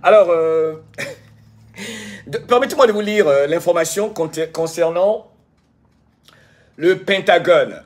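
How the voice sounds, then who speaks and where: A man hosting a live stream who chats casually with viewers, greets them by name, and teases them with bursts of excitement. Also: sits high, slow pace, pauses often. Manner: exuberant, teasing, greets chat by name. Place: home in the United States.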